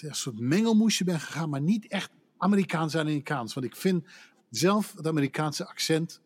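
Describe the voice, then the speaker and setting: A man's voice: on the high side, lively intonation, normal speed, husky. A Dutch man who works as a voice actor, chatting casually on a podcast and telling stories with self-deprecating humor. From Netherlands. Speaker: voice actor guest.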